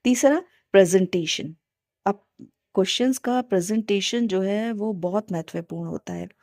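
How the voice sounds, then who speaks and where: A woman's voice: mid-range voice, moderate pace, darkish tone, no room sound, studio quality. A woman teacher educator with an Indian Hindi accent, explaining teaching skills in a casual spoken lesson, with many fillers and English terms mixed in.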